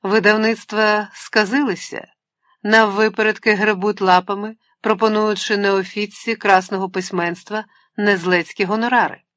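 A woman narrating a novel in an expressive reading style, lifting her voice for the characters' lines. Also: normal speed, no room sound. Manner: expressive reading, voices the dialogue with raised pitch. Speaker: audiobook narrator. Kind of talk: scripted narration.

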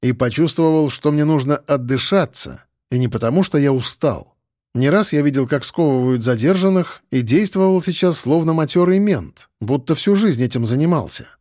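A man narrating a story in the first person, at a steady, measured pace. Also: a little high, dry recording, clean studio sound. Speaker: audiobook narrator.

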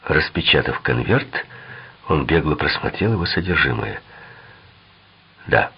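A man narrating a crime novel audiobook in an expressive, dramatic reading. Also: low-pitched, measured pace, breathy edge, dull audio.

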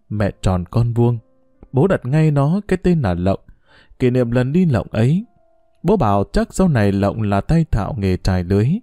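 Expressive male story narrator. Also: medium pitch, no room sound, studio quality. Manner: expressive reading with lively intonation.

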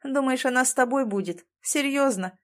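A woman's voice: medium pitch, lively intonation, a little slow, lightly acted. A woman voicing an arrogant, threatening rich man in an audiobook, reading his lines in a sneering, taunting way. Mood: mocking.

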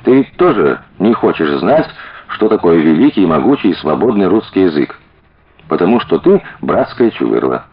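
A playful, skeptical young noblewoman, as a male reader puts her on, teasing with a lively, bouncing lilt. The voice stays husky and the recording sounds dull and lo-fi. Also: deep voice, moderate pace, no room sound, full character voice.

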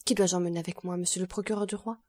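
A woman voicing a passionate, grief-stricken young man who speaks louder and faster. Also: fairly low pitch, steady tone, lightly acted. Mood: pleading. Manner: impassioned, louder and quicker.

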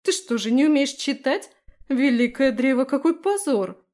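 A woman voicing a haughty, spoiled young noblewoman who talks in a sneering, shrill way. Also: animated, moderate pace, a little mellow, lightly acted. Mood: scornful.

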